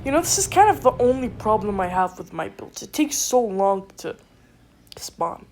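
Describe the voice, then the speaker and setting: A woman giving casual gameplay commentary with a stuffy nose, rambling and excitable, often cutting herself off. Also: medium pitch, moderate pace, a little hiss or hum. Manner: rambling, excitable, self-interrupting. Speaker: gaming video creator.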